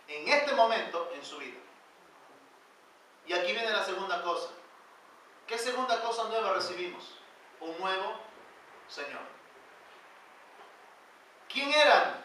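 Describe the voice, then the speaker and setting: A male pastor preaching a sermon in a church, pushing phrases up loud and then sinking them to a near hush. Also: very high voice, a little hiss or hum. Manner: emphatic preaching, rising loud then dropping quiet. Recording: very echoey church hall, voice from far off.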